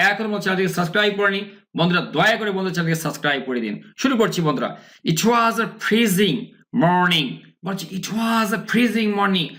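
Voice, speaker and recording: A man teaching an English lesson. He reads English words slowly, then translates and explains them, and often addresses viewers as friends. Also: sits high, fairly bright tone. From Bangladesh.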